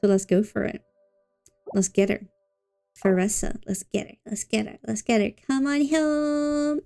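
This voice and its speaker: A woman streams a game and chats casually with her audience, playfully repeating words and drawing them out. Her fairly high voice is warm and steady, with a measured pace and some vocal fry, and faint music sits behind her.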